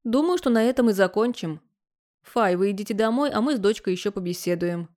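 A woman voicing a calm, decisive middle-aged father in an audiobook. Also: mid-range voice, fairly quick, lightly acted. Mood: firm.

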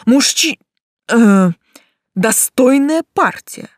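A woman's voice: fairly high pitch, animated, very slow, no room sound, clean studio sound, pitched above the performer's own voice. A woman reading the part of a spiteful, arrogant male count with a snide, clipped manner. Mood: pompous.

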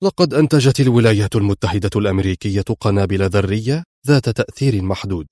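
A stern intelligence chief , read by a man in a low voice, firm and grave in a spy audiobook. The sound is dry and close, with no room around it. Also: fast talker, dark tone, dry recording, close to an everyday voice. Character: stern middle-aged male intelligence chief.

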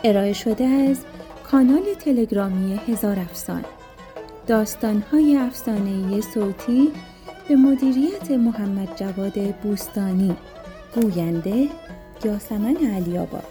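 A woman narrating a folktale audiobook in a steady, measured storytelling way. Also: mid-range voice, soft background music.

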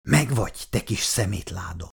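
A man doing a gruff, muttering young adventurer. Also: lowish voice, animated, a little mellow, voice pushed down. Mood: grumbling.

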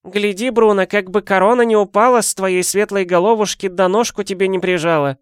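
A man voicing a stern, sharp-tongued old village woman who scolds and warns. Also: high voice, fairly even intonation, a little fast, smooth, dry recording, studio quality, voice pushed up, close to an everyday voice. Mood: stern, scolding. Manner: scolding, warning.

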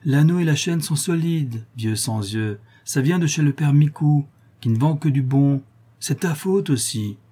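A vicious old woman taunts her captive in a high, sneering voice with a mellow, husky grain, as a male reader puts her on. She mocks in rough slang, the cruel villain of a spoken novel. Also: lively intonation, measured pace. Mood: taunting. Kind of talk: audiobook character voice.

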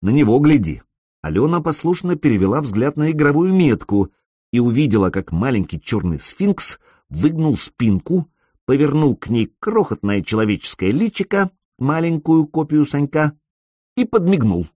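Man reading an audiobook, husky, lively up-and-down delivery, dry close sound. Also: a little high, moderate pace, dry recording. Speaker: audiobook narrator. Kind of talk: scripted audiobook narration.

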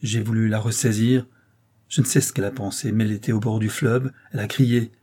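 A man's voice: on the low side, fairly even intonation, a little fast, mellow, husky. A man reading the part of a distraught young engineer, speaking in a pained, shaken way.

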